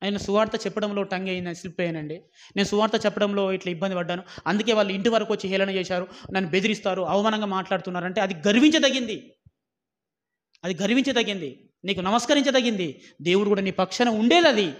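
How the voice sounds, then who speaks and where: Male preacher, high-pitched, emphatic and scolding, rhetorical questions, loud-to-hushed warnings. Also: fast. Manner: swings from loud exhortation to low, quiet warnings. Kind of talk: sermon.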